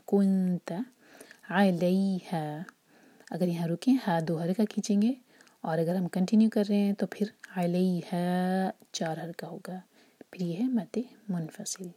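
Woman talking soft and half whispered, low mellow voice, slow careful recitation lesson, dry close sound. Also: slightly rough, no room sound. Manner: soft, often whispered explanations between slow drawn-out recited words. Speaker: Quran recitation teacher.

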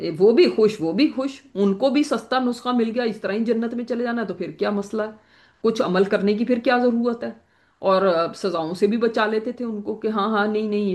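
A woman's voice: on the high side, darkish tone. A woman giving a religious lecture as a Quran teacher, explaining points through worked examples and rhetorical questions.

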